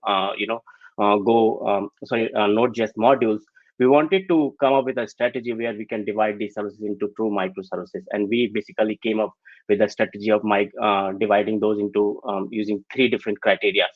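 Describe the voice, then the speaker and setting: A man giving a technical presentation remotely, halting often and leaning heavily on fillers. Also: on the low side, no echo. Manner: halting, filler-heavy delivery. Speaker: tech conference speaker. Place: remote, over online call. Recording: dull, lo-fi call audio.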